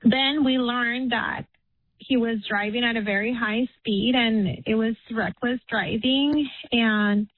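A woman caller comes through a thin, tinny phone line that keeps dropping out, as if on Bluetooth or speakerphone. She speaks slowly and haltingly, with frequent fillers and restarts. The line sounds close and dry, and her voice sits slightly high. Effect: phone call that keeps cutting out, asked about Bluetooth or speakerphone. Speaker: radio call-in caller. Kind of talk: halting emotional call to a radio show.

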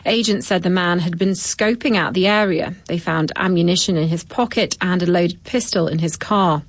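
A woman newsreader reading a scripted bulletin in a crisp, even manner. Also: on the low side, normal speed, no echo.

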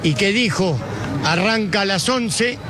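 A man's voice: high-pitched, measured pace. A man in his fifties with an Argentine accent, giving a passionate, speech-like testimony live on the street and repeating lines for emphasis. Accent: Argentine Spanish. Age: 50s. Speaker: street interviewee. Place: outdoors in a crowded street. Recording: loud crowd and street noise.

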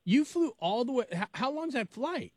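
A man hosting a talk radio show, bantering with a caller and jumping in with quick interjections. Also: very high-pitched, big pitch swings, a crowd in the background. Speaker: radio host.

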